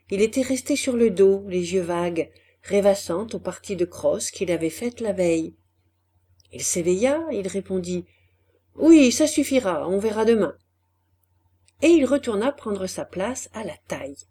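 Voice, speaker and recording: A woman narrates a classic novel in an audiobook reading. Her voice is husky and breathy, and she takes her time, unhurried and deliberate over each phrase. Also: medium pitch, mellow. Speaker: audiobook reader. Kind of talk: scripted literary narration.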